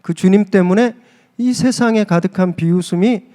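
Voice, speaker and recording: A man with a high voice preaches a church sermon. He talks warmly and directly to the congregation. He drives his key phrases upward with emphasis. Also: normal speed. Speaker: pastor. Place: church service.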